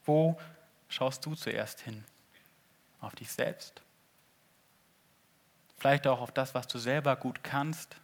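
A man preaching a sermon in an earnest way, swinging between loud appeals and hushed asides. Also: medium pitch, slow, pauses often. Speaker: pastor.

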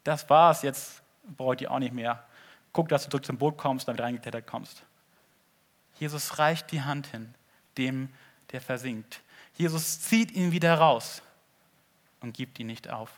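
A man preaching a sermon in an earnest way, swinging between loud appeals and hushed asides. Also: medium pitch, unhurried. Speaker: pastor.

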